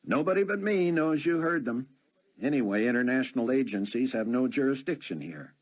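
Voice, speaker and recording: A man's voice: medium pitch, animated, fairly quick, voice pushed up, lightly acted. A man voicing an easygoing, teasing male roommate in an audiobook. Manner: casual, teasing.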